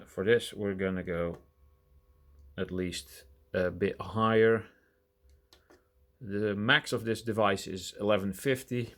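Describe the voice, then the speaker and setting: A man's voice: fairly low pitch, fairly bright tone. A man giving casual, unscripted commentary on his hobby work, with understated asides to himself. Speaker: hobby metal-casting video maker.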